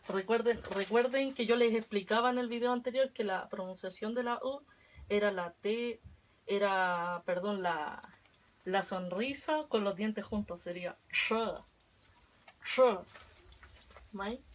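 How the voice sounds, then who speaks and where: A woman's voice: mid-range voice, rough recording. A woman, teaching an online language lesson from home and patiently drilling syllables aloud.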